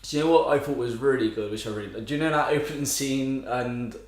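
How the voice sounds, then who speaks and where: A man's voice: mid-range voice, fast talker. A man co-hosting a casual gaming chat, informal and sweary, recorded in a very echoey room. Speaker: podcast co-host. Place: indoor room with strong echo. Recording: very echoey room, big echo.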